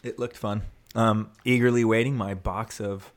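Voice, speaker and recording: A man's voice: on the low side, fairly even intonation, normal speed. A man co-hosting a podcast, laid-back and laughing as he chats with friends. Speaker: podcast co-host. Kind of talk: casual podcast chat.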